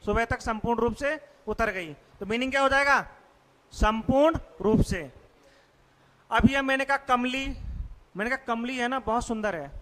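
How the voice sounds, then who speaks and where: A man's voice: very high voice, pushed and bright, in a large hall. A male teacher giving a classroom vocabulary lesson, quizzing students with repeated questions. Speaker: English teacher.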